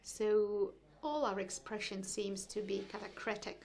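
A woman reading translated poetry aloud at a measured, deliberate pace, with a brief explanatory aside. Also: mid-range voice, creaky, a little mellow. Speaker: poetry reader.

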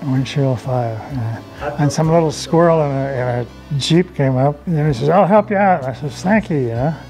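An American man in his seventies, an off-road enthusiast, reminisces outdoors on a driveway beside an open garage. His fairly high voice has a darkish tone at a moderate pace, with soft music behind it and poor audio. He tells his memories in a folksy, casual way, often tossing in "you know."

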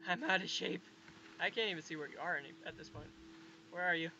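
A man hosting a gameplay video, chatting casually and often pausing to say hold on a second. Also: high voice, fairly even intonation, gravelly, pushed and bright, lo-fi sound, slight background noise. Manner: halting, keeps saying to hold on.

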